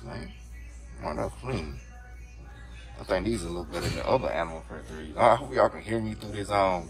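A very low-pitched man talks in a laid-back, filler-heavy way while walking a sneaker store. His voice comes out muffled behind a face mask, as if heard through a wall. Store music plays clearly behind him. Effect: muffled as if through a wall, talking behind a face mask. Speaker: sneaker vlogger. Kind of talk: casual walk-through vlog.

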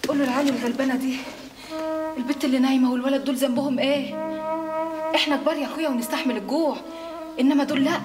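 An actress with an Egyptian accent playing a poor worker's anxious, pleading wife. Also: female voice, high voice, fairly even intonation, very fast, pauses often, lightly acted. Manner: urgent, imploring. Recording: old archive with music behind.

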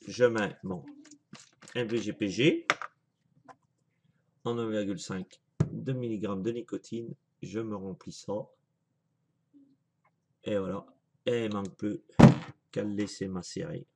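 A man's voice: on the low side, very noisy. A man in a casual home video review, chatty and apologetic, thinking aloud with lots of fillers as he shows products. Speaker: vaping vlogger.

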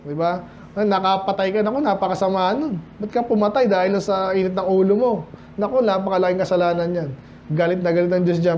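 A man's voice: high-pitched, a little mellow, muffled recording, a little hiss or hum. A man with a Filipino accent preaching a midweek Bible-study sermon, chatting with the congregation and asking them "Amen?". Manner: acts out quoted voices of listeners. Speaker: pastor. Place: small church hall.

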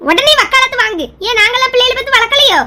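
A woman's voice: very high voice, expressive, fast talker, sharp tone, full character voice. A woman with a Kanyakumari Tamil accent playing a complaining mother-in-law who nags in a comedy skit. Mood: scolding. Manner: nagging and self-pitying. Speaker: skit performer.

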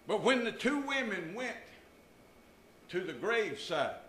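High-voiced older preacher. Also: male voice, sing-song, measured pace, a bit bright, slight background noise. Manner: preaching with emphatic rises and drops, quoting scripture figures. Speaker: pastor. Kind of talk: sermon. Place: church sanctuary, at a pulpit. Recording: echoey church room.

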